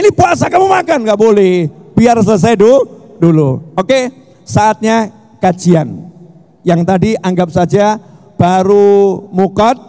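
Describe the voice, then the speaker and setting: A middle-aged man gives a sermon in a large hall, and his voice rings out with long reverb. He speaks high and mellow, turning to jokes and stories, then shouts to drive a point home. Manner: animated, joking storytelling with shouted emphasis. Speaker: preacher. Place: large hall at a religious festival.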